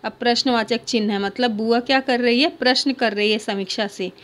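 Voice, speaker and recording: Teacher reading a class play aloud. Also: female voice, fairly high pitch, a little fast. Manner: explains idioms and punctuation between read lines; lifts her voice for the characters' lines. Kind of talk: reading a Hindi play aloud and explaining it to pupils.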